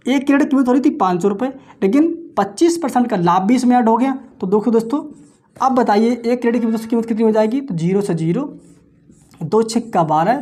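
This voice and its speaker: In this exam-prep maths lesson, the male teacher chants times tables rapidly while doing sums aloud, greeting viewers as friends in nearly every phrase. He answers his own questions. His voice sits high and sounds a little mellow.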